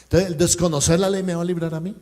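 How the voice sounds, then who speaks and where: A man's voice: high voice, little pitch movement, quick pace, dark tone. A male pastor with a Colombian accent, preaching a sermon and telling a personal story, acting out the dialogue and speaking directly to the congregation. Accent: Colombian Spanish. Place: church service.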